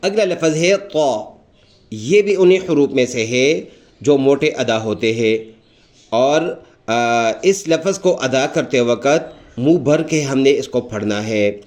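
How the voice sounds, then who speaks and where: A man's voice: medium pitch, animated, darkish tone. A man teaching beginners how to pronounce Arabic letters, explaining patiently and drawing out each letter sound as he demonstrates it, with a Pakistani Urdu accent. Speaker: Quran teacher.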